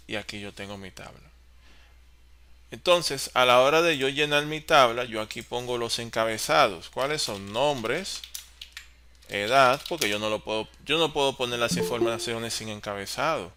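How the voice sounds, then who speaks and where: A man teaching an online class on office software, explaining step by step and answering his own questions. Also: mid-range voice, normal speed, slight background noise. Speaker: course facilitator.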